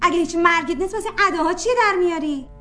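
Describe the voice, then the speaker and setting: Chatty young woman, very high voice, emphatic, film dialogue, faint score behind. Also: fairly bright tone. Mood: irritated. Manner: quick, emphatic, pleading when scolded. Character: chatty young woman, excitable then defensive. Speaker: film character on a phone call. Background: film score music.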